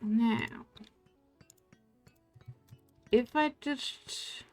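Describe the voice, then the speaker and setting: A German woman streams a game and chats to viewers in English, her accent a blended mix with no clear origin. She speaks slowly, thinking aloud and murmuring with low energy as she works through tasks, while soft music plays faintly in the background.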